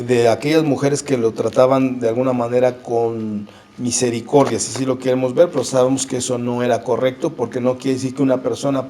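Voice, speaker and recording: A man's voice: medium pitch, dark tone, slight background noise. A man teaching the Bible in a conversation, earnest and direct, often checking in with the listener and calling him brother. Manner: earnest, repeats questions like "¿sí?" and addresses "hermano". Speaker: preacher leading a Bible conversation.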